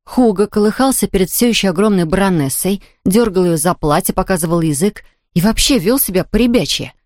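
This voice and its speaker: A woman narrating a children's audiobook in a lively, expressive reading style. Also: medium pitch, fairly quick, no echo, studio quality. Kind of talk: scripted storytelling narration.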